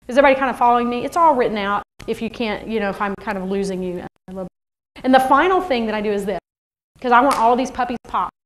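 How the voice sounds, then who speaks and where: Animated woman leading a teacher workshop. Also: sits high. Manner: lively, animated, acts out kids' voices. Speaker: teacher trainer. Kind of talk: workshop presentation.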